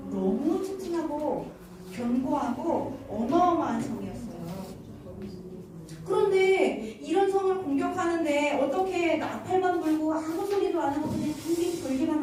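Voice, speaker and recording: A woman teaching children, telling a Bible story in an animated way and asking them questions as she goes. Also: very high voice, background noise. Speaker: children's Sunday school teacher. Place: church hall. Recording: echoey room from far off.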